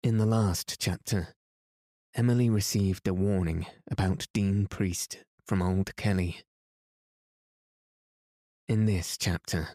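A man narrating a sleep story in a calm, gentle, unhurried manner, as the host guiding listeners toward rest. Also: fairly low pitch, dry recording, studio quality. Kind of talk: soothing sleep story narration, bedtime audiobook reading.

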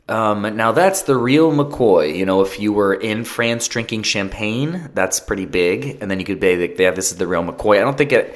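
Chatty low-voiced man. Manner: chatty, self-deprecating, rambling asides. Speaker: podcast host. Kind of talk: casual solo podcast talk.

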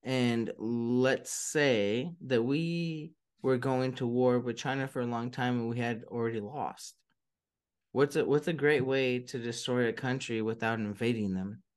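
A man's voice: medium pitch, unhurried, smooth. A man hosting a podcast in casual chat, rambling and often repeating himself as he starts a sentence. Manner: rambling, stumbles over his words. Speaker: podcast host.

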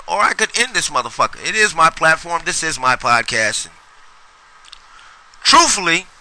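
Profane, high-voiced ranting podcast man. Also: sharp tone, rough recording. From Sacramento, US. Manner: profane, rambling, emphatic with repetitions. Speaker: podcast host. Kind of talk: solo podcast rant.

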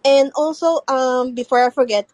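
A woman caller with a Puerto Rican accent, a native Spanish speaker talking casually in careful, halting English as she searches for words. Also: high voice, steady tone, darkish tone, no echo. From Puerto Rico. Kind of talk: casual call-in talk.

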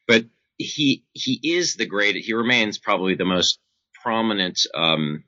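A low-pitched man answers interview questions in a measured, scholarly way, pausing often mid-thought. His tone is strikingly crisp-edged and forceful, on a dry but slightly dull recording. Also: no echo. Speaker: interviewed author and foreign policy scholar.

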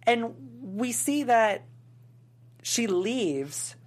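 A woman's voice: on the high side, lively intonation, very slow. A woman co-hosting a podcast, chatting casually and leading the discussion with questions. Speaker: podcast co-host. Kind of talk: casual chat.

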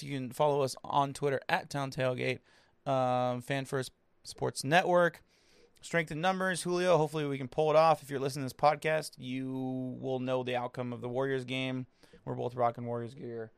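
A man co-hosting a casual sports podcast, laid-back and slangy, often trailing off quietly. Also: medium pitch, fairly even intonation, moderate pace, smooth. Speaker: podcast co-host.

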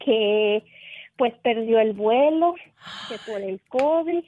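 A woman's voice: fairly high pitch, lively intonation, slow pace, mellow, no echo. A woman calling in to a show, telling gossip in a chatty way, often laughing and hesitating. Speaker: caller. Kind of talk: storytelling gossip on a phone call. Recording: phone line with faint music behind.

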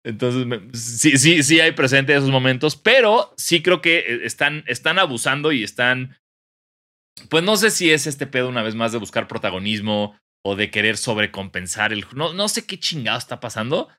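Talking at a normal speed in a medium-pitched voice, a young man with a Mexican accent co-hosts a podcast, spinning animated stories in casual, slang-filled conversation.

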